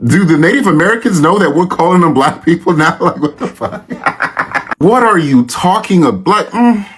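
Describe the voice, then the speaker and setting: A man's voice: high-pitched, animated, moderate pace, fairly bright tone, slightly rough. A man ranting in disbelief in a clip, emphatic and profane. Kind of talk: opinion rant video.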